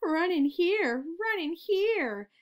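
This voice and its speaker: A woman voicing a hungry, sly male fox in a storybook reading, shouting greedily. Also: mid-range voice, sing-song, drawn-out words, heavily acted. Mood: greedy.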